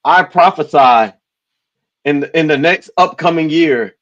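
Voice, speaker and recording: A smooth-talking church prophet, put on by a man proclaims slowly and solemnly. The pitch sits a little above a man's usual talk, without much colour beyond that. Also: fairly bright tone, highs cut off.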